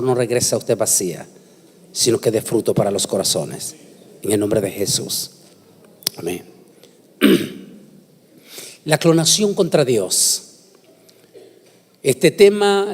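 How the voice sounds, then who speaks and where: Speaking to a congregation in a large hall, a man gives a conference sermon lecture that includes scripture reading and prayer. His mid-range voice is solemn and emphatic, each phrase deliberate, and the hall's echo adds long reverb.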